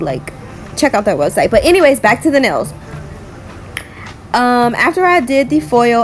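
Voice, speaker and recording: A young woman chatting casually in a nail art vlog, talking in a lively, storytelling way full of "like" and "y'all". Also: mid-range voice. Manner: chatty and animated, telling stories with lots of "like" and "y'all".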